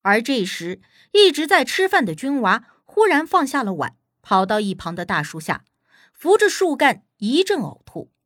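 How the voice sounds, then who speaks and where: A woman narrating an audiobook in a steady, expressive storytelling manner, recorded on a close studio mic. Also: on the high side, moderate pace, no echo.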